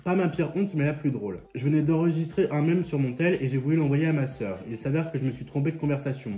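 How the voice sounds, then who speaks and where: A man's voice: a little high, quick pace, mellow, soft background music. A young man with a French accent chatting casually and sassily while eating, swearing freely and talking with his mouth full. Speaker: vlogger reacting to viewer stories.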